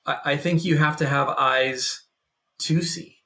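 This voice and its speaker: A man's voice: fairly high pitch, steady tone, unhurried, gravelly, sharp tone. A man as a podcast guest talking about healthcare technology, emphatic, repeating key phrases and acting out quoted dialogue. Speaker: guest, healthcare and private equity tech leader. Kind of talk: casual podcast conversation.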